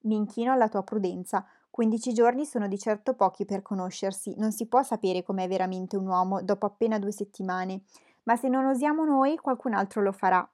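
A woman voicing a dry, ironic middle-aged gentleman who teases his family in slow, measured speech. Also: mid-range voice, natural voice. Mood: wry teasing.

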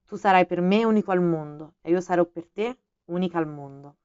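Una donna che legge la parte di una volpe femmina gentile e saggia, paziente e un po' malinconica, con tono serio e persuasivo, in un audiolibro. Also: female voice, on the low side, a little fast, darkish tone, clear, resonant tone, no echo, dull audio, close to an everyday voice. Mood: earnest. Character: gentle wise female fox, patient and a bit melancholy.

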